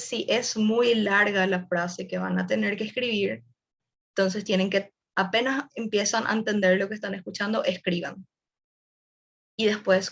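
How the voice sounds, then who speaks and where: A woman's voice: medium pitch, creaky, highs cut off. A young woman gives a casual online webinar presentation, explaining tips and speaking directly to her audience. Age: young adult.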